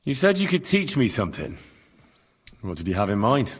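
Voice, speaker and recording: A man's voice: medium pitch, very animated, normal speed, slight background noise, natural voice. An actor playing a courteous, cheeky young male adventurer in a video game. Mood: playful.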